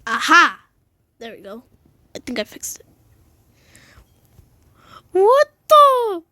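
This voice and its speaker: Giggly high-voiced young woman gaming. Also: moderate pace, no room sound. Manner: giggly, excitable, slangy, with sudden shrieks. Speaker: gamer. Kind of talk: casual gameplay commentary.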